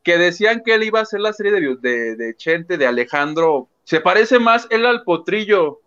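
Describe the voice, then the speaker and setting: A man's voice: high-pitched, sing-song, normal speed, a bit bright, clean tone. A Mexican man co-hosting a casual celebrity gossip chat in a playful, sweary way. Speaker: co-host. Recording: dull lo-fi sound.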